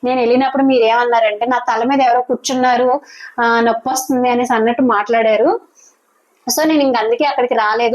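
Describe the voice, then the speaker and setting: Fast-talking woman reviewing a reality show. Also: on the high side, poor audio. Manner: fast, animated retelling that acts out quoted lines. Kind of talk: casual spoken review recounting quoted arguments.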